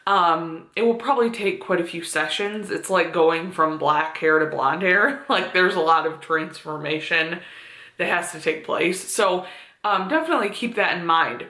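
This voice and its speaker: A woman's voice: on the low side, moderate pace, pushed and bright. Chatty young woman in an echoey room. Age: 20s. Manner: chatty, with frequent fillers and laughs. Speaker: beauty vlogger. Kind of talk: casual chat to camera. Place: room at home.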